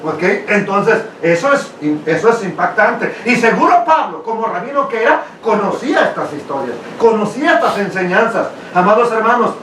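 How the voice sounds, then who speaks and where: A man preaching a sermon, animated, often questioning his congregation and laughing. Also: sits high, moderate pace, hardly any pauses, slight background noise. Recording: echoey room, mic at a distance.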